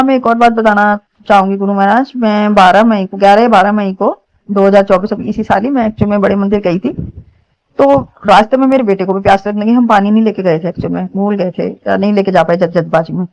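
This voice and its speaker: Woman devotee; earnest, rambling testimony, smooth clear tone. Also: mid-range voice, a little mellow, rough recording. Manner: earnest, rambling, many restarts. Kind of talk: emotional testimony to a congregation.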